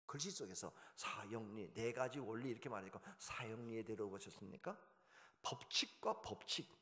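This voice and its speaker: A man preaching at a revival service, humorous and anecdotal, animated as he talks. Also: medium pitch, big-room sound. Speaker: pastor. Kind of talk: revival sermon. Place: church sanctuary.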